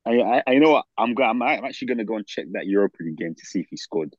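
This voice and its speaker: Low-voiced London roadman, argumentative. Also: lively intonation, racing, highs cut off, slight background noise. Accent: London, urban slang (roadman). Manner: emphatic, repeats himself, argumentative. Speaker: football podcast co-host. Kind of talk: casual football banter.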